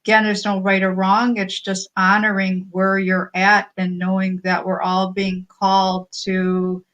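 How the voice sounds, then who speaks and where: An American woman speaking earnestly and reflectively, with emotion, in an informal spiritual message to her followers, often pausing and repeating phrases. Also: mid-range voice, a bit bright, low-quality recording. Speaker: spiritual healer and coach.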